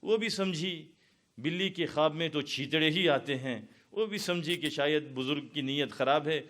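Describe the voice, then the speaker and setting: A man's voice: on the high side, fairly bright tone. A man from India preaching a storytelling sermon to a gathered audience, building to impassioned climaxes. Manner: dramatic, rising to impassioned climaxes.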